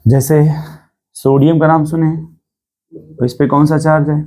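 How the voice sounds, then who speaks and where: A male chemistry teacher lectures a class, his voice sitting a little high for a man. He keeps quizzing the room with quick rhetorical questions and drops English terms into his explanation. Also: little pitch movement, mellow.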